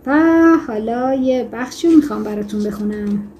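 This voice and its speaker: A woman teaching a lesson on fiction writing, explaining in a conversational way with self-corrections and reading passages aloud in a measured voice. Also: medium pitch, mellow, slight background noise. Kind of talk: lecture on fiction writing with read-aloud excerpts.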